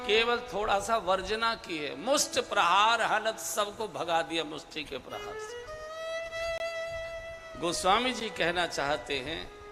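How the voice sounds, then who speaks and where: A male preacher with a high voice delivers a slow devotional discourse, stretching out his key phrases for emphasis. His voice rings through a large hall with a long reverb tail, and soft violin music plays behind him. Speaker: spiritual preacher.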